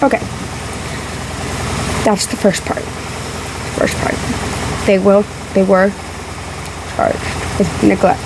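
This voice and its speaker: In a room in her house, with a fan running loudly in the background, a woman records a casual, emphatic rebuttal vlog to camera in response to a video. She speaks in halting phrases, sounding sick, emotional, and a bit out of breath, in a mid-range voice with a level tone.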